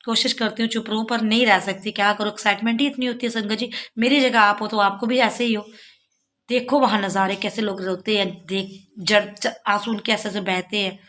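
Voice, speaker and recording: Speaking at a brisk pace with a medium pitch, fairly even intonation and a fairly bright tone, a middle-aged woman from Jammu, India, addresses viewers of her casual devotional vlog. Though her throat is sore, she pleads and explains earnestly.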